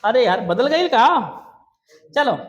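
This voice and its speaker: A male English teacher fires questions at his class and pushes the answers back at them. He is loud and emphatic and often shouts, with a notably high-pitched voice. The sound rings around an echoey classroom. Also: big pitch swings, takes it slowly, highs cut off. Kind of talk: classroom lesson with call-and-response drilling. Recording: echoey room.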